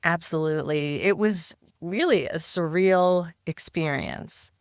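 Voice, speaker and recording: Middle-aged woman guest, lowish pitch, smooth tone; reflective, hesitant. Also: unhurried, no room sound, clean studio sound. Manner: reflective, hesitant with repeated words. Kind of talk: interview storytelling.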